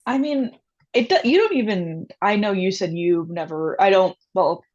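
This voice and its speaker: A woman's voice: medium pitch, animated, normal speed, a little mellow. A woman chatting casually and informally as a co-host, on a slightly muffled recording. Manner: conversational, informal. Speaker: book review co-host. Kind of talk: casual chat.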